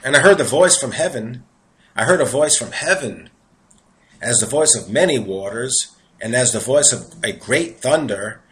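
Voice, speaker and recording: This sermon comes from a man with a New York accent who reads verses aloud and drops earnest, conversational asides in between. He sounds animated and a bit bright, medium-pitched at a moderate pace, though the audio is poor.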